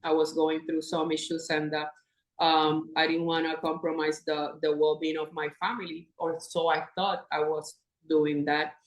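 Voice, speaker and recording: A woman in her fifties from Puerto Rico, a podcast guest in casual conversation, animated and laughing often as she talks. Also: low voice, moderate pace. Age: 50s. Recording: echoey room.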